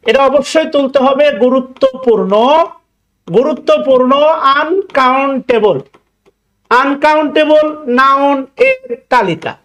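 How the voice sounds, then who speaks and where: A man with a Bangladeshi Bengali accent leads an exam-prep grammar lesson. His voice sits very high. He repeats each key word, throws in jokes and keeps asking whether his students follow. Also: fairly bright tone. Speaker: English grammar teacher.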